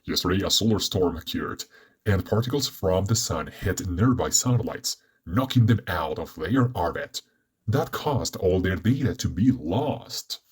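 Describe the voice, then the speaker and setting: A man's voice: low voice, breathy edge, exaggerated voice. A man voicing a cheerful chatty robot. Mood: explaining. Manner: theatrical, lively, drawn-out delivery. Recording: soft music underneath.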